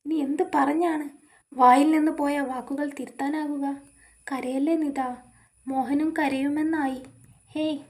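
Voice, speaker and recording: A gentle, remorseful older man about to become a grandfather, pleading softly and consoling, read by a woman storyteller in her own fairly high voice. The storybook tone stays close and calm. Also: close to an everyday voice.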